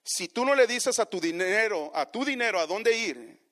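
Speaking at a moderate pace in a high-pitched, animated, slightly bright voice, a male pastor delivers a sermon in two languages, repeating every line in the second one. Again and again he calls his listeners brothers.

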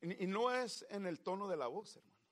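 A man preaching a sermon with passion, swinging from loud outbursts to low, quiet murmurs. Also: expressive, a little fast.

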